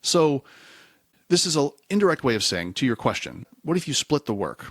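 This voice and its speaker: A man's voice: medium pitch, sing-song, moderate pace, no echo, studio quality. A man speaking as a guest on a technical podcast, talking in a discursive, self-correcting way and sometimes acting out quotes. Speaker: podcast guest, reliability engineer. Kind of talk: casual conversational interview.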